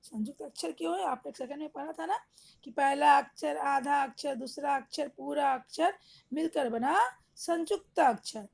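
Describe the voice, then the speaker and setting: A woman's voice: high-pitched, normal speed, creaky. A woman teacher giving an online grammar lesson to young children, patiently explaining step by step and answering her own questions.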